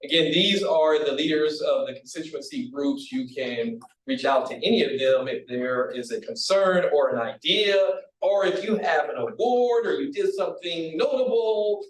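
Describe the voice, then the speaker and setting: A man chairing a college council meeting, relaxed and joking between agenda items. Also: a little high, moderate pace, few pauses. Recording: echoey room from far off, faint hiss.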